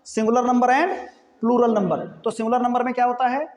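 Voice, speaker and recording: A man teaching a spoken English lesson at a board, patiently drilling words by repeating them slowly. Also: extremely high pitch, fairly even intonation, darkish tone, reverberant, long reverb tail. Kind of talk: classroom lesson with board work. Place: classroom with a board.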